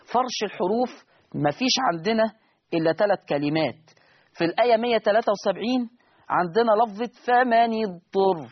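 A man's voice: sits high, lo-fi sound. A man with an Egyptian accent teaching a recitation lesson, patiently repeating key points and quizzing his students. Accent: Egyptian Arabic.

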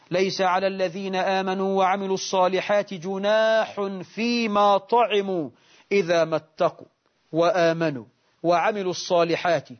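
A man's voice: high voice, natural voice. An Egyptian-accented man voicing an indignant early male companion who pleads his case by quoting scripture, on a dull lo-fi recording.

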